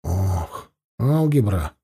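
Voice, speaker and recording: A man's voice: deep voice, very animated, warm tone, breathy edge, voice pushed down, heavily acted. A man voicing a wry, restless teenage boy with an adult's mind in an audiobook. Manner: wry, fast talking when pleading.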